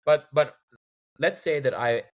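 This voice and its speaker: A man's voice: unhurried, phone-quality sound. A man in his thirties from Thailand, a guest chatting casually in an interview and acting out examples as he talks. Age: 30s. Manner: animated storyteller, acts out quoted lines in a higher voice. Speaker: guest, video game composer.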